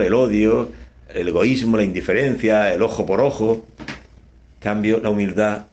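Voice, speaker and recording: Preaching priest, rising on emphasis. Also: male voice, a little mellow. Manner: preaching, rising in pitch on emphasis, rhetorical questions. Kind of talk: radio homily. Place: radio studio.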